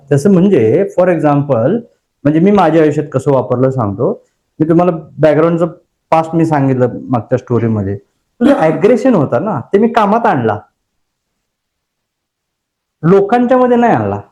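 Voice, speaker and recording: A man's voice: on the high side, sing-song, moderate pace, long pauses, mellow. A male course trainer giving a motivational lecture to a class, speaking emphatically, telling personal stories and often asking the room rhetorical questions. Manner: tells personal stories with dramatized inner voices.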